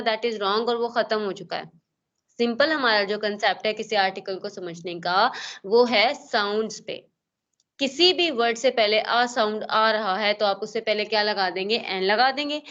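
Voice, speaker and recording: A woman, teaching English grammar in an online exam-prep lesson, who explains patiently and reads example sentences slowly. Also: on the high side, fairly bright tone. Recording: dull lo-fi online class audio.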